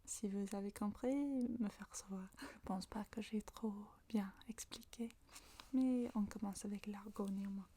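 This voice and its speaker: An Englishwoman from Manchester, a native English speaker, giving a whispered ASMR lesson in French with an English accent. She talks haltingly and stops to search for words. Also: mid-range voice. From Manchester, England. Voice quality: soft breathy whisper. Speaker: ASMR language teacher.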